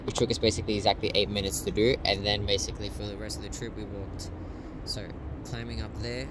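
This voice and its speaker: A young man rambles cheerfully through a travel vlog, his voice sitting fairly low. He films himself on a phone at arm's length. Street noise runs clearly behind him the whole time. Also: level tone, quick pace. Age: young adult. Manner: chatty, upbeat, loose and rambling. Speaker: vlogger. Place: outdoors in a city at night. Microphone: phone camera held at arm's length. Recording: noisy outdoor street recording.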